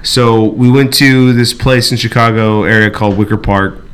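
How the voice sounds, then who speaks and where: A man's voice: mid-range voice, steady tone, moderate pace, fairly bright tone, smooth. Rambling, profane man telling a story. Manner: rambling, profane, with many fillers and restarts. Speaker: podcast co-host. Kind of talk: casual storytelling chat.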